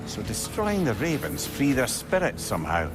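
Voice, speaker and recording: An actor with a Scottish accent playing a witty, eloquent advisor and companion in a video game, wry and chatty. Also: male voice, medium pitch, wildly swooping pitch, normal speed, over loud music. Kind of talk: video game character acting.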